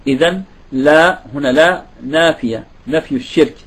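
Husky man teaching grammar. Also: on the high side, moderate pace, a bit bright, rough recording. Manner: asks students rhetorical questions. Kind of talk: classroom grammar lesson.

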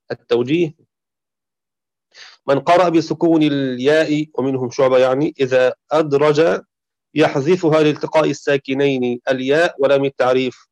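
A man giving a lesson on Quran reading variants, reading from a text and reciting verses slowly in a chanted tone. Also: on the high side, a little mellow, no room sound. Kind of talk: explanatory lecture reading from a text.

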